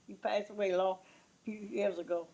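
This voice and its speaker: On a rough recording with slight background noise, a creaky, mellow medium-pitched voice speaks at normal speed with fairly even intonation. The speaker, a Southern-accented Louisiana woman in her nineties, is being interviewed for an oral history and reminisces casually and plainly, frequently repeating herself and starting sentences over.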